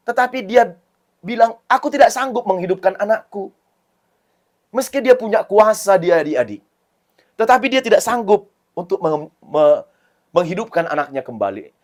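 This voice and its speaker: Guy preaching to kids at sunday school, high voice, keeps asking them questions and repeating phrases. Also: a little mellow. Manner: asks children rhetorical questions; storytelling, repeats phrases for emphasis. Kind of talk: sermon for children.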